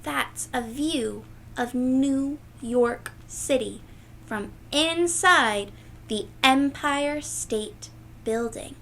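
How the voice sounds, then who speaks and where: A high-pitched woman reads a storybook to children with lots of expression, drawn-out emphatic words, gasps and sound effects, pausing to chat with her listeners as a read-aloud host. The recording quality is poor, with a little hiss or hum.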